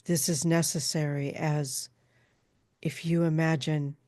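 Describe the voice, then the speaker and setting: A woman trance channeling a calm female spirit like a seance medium, speaking in formal, halting, measured pronouncements. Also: low voice, dry recording, clean studio sound. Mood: solemn, measured.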